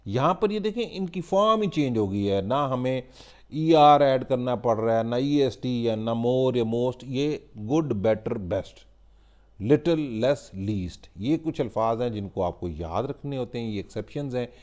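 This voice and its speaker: Man, grammar teacher, unhurried, warm low tone, reads word lists aloud. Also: expressive. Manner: explains in Hindi-Urdu and reads English word lists slowly; often checks in with a rising "okay?". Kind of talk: recorded grammar lesson.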